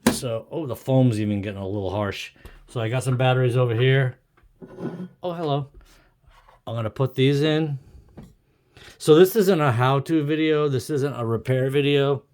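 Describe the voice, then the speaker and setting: With a mid-range, slightly mellow voice, a middle-aged man talks at a moderate pace with long pauses, casually rambling to himself as he shows an object. He's an amateur video maker, hesitant, musing and self-deprecating, sitting at a wooden desk indoors at home. A camera or phone on a tripod picks up clearly noisy home audio with clicks.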